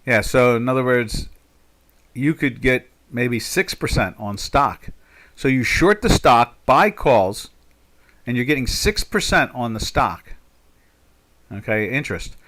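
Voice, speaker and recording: Speaking a little slowly, he sounds animated, with a medium pitch and a bit of brightness. He's a market trader and stream host in his sixties from South Jersey's Pinelands, accent intact, rambling chattily through a live trading chat with lots of fillers.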